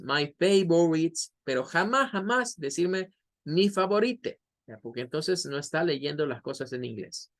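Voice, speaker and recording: A man teaching a beginner English class, explaining step by step and repeating words slowly for students to copy. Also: a little high, creaky, fairly bright tone. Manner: patient, repeats pronunciation drills. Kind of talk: online class lecture.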